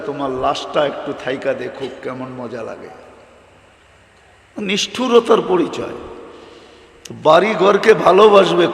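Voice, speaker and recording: Impassioned preacher man in echoing hall. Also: a little high. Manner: impassioned, rhetorical questions, Arabic recitation. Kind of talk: Islamic sermon. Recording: echoey hall, reverberant PA sound.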